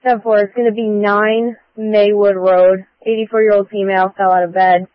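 A fire dispatcher giving a brisk, clipped call over a two-way radio. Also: mid-range voice, level tone, dry recording. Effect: two-way radio transmission. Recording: muffled radio audio.

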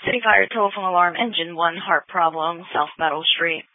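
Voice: mid-range voice, fairly quick, no echo. An emergency dispatcher heard over a two-way radio, giving clipped, formulaic calls and repeating each one. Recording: tinny dry radio transmission.

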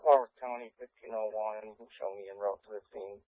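A man's voice: on the low side, steady tone, brisk, no room sound. A man calling in en route over a police radio, terse and formal. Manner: terse, formal call sign phrasing. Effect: heard over a police radio. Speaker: responding unit. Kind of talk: clipped radio call. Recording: tinny radio transmission.

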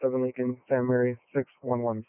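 A man's voice: medium pitch, completely flat delivery, brisk, smooth, no echo. A police officer in the field, a man, reading plates in clipped call-sign phonetics over a walkie-talkie radio. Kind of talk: terse police radio traffic. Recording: tinny dry radio transmission.

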